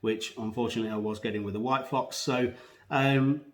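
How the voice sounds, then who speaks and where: A man's voice: medium pitch, steady tone, a little fast. A man giving a casual, unscripted product review in a hesitant, rambling way, talking with a pouch tucked under his lip. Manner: hesitant, rambling, self-correcting. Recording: echoey room.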